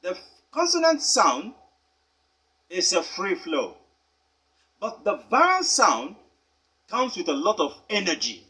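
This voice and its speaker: A man teaching pronunciation, with a high, husky voice. His pitch swings widely as he stresses each point. He talks deliberately and spells words out letter by letter. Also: wildly swooping pitch, bright, forceful tone. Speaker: English teacher. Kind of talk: pronunciation lesson.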